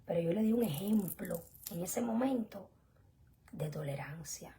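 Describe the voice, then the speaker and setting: A young woman teaching an online religious class, earnest and emphatic, often dropping to soft whispered asides. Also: fairly low pitch, expressive, unhurried, creaky, slight background noise. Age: young adult. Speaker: spiritual teacher.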